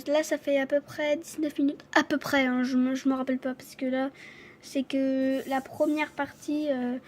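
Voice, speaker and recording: A woman with a high, darkish voice chats casually to camera while unboxing and showing her gifts. She stutters and often restarts words, sounding halting and apologetic.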